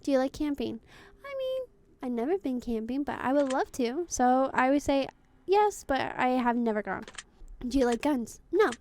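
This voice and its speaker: A woman's voice: sits high, very animated, moderate pace, a little mellow. A young woman streaming a game, chatting casually, bluntly and with free swearing as she answers questions. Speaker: VTuber streamer. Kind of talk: casual gameplay commentary.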